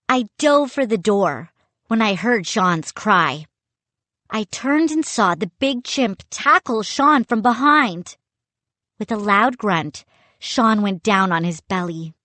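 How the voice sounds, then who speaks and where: Lady reading a kids book, slow and expressive, no echo. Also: mid-range voice. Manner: expressive, unhurried. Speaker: audiobook reader. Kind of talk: storybook reading.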